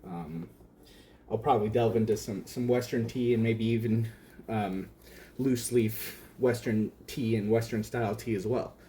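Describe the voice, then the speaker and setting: A man's voice: lowish voice, fairly even intonation, unhurried, warm tone, a little hiss or hum. A young man hosting a tea channel, chatting casually and hesitantly with many fillers while he demonstrates.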